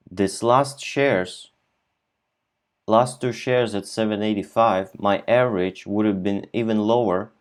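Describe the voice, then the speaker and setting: Low-voiced young man talking through his investment plan. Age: 20s. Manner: thinking aloud with frequent fillers and restarts. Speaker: finance channel host. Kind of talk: casual explainer over a screen share.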